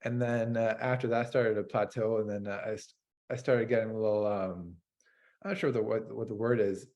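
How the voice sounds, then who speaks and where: A man's voice: lowish voice, fairly even intonation, brisk, darkish tone. Hesitant, rambling male farmer host. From North America. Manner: hesitant, rambling with many fillers. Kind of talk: casual interview chat.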